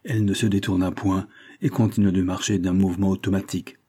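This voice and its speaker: A man reading a classic novel aloud as narrator, in a measured, even storytelling manner. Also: low-pitched, slightly rough. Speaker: audiobook narrator.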